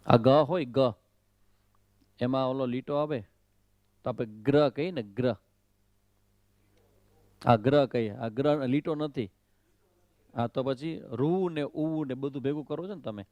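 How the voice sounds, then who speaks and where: A man's voice: medium pitch, a little slow, pauses often, no room sound, highs cut off. A swami teaching correct Sanskrit pronunciation of the Gita, drilling syllables over and over, questioning his students and slipping in English phrases. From Kutch, Gujarat.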